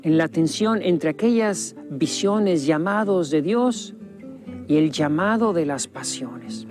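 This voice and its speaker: A man giving scripted documentary narration in a solemn, measured voice with dramatic pauses. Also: on the high side, animated. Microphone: studio voice-over. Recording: voice-over over guitar music. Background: guitar music.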